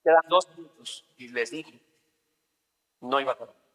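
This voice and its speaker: A man's voice: medium pitch, moderate pace, fairly bright tone. A man preaching a sermon as pastor, talking conversationally and acting out everyday scenes. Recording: long reverb of a large hall.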